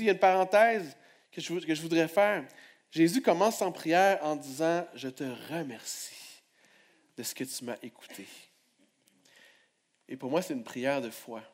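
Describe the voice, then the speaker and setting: Male pastor, fairly high voice, sermon with hushed prayers and booming calls to the crowd. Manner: swings from hushed prayer to loud exclamations; calls on the congregation to respond.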